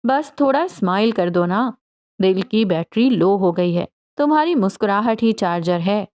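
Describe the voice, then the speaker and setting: A woman voicing a playful young man who jokes gently with his tearful fiancée in an audiobook. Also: mid-range voice, animated, close to an everyday voice. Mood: teasing. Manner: gentle joking banter.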